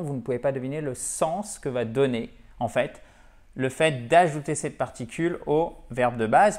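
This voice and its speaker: A man teaching an English lesson, explaining patiently and often checking that students follow. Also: medium pitch. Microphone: camera.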